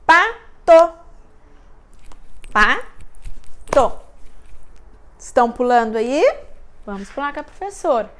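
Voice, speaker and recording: A woman teacher giving a children's lesson recap, talking slowly in a sing-song way and spelling words out syllable by syllable for small children. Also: on the high side, expressive, darkish tone.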